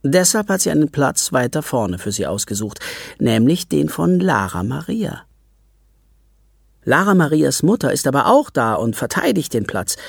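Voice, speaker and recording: A narrator reading a children's story with a lot of melody in the voice. The tone is slightly husky. The recording is dry and close. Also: mid-range voice, normal speed, dry recording. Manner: lively, expressive reading.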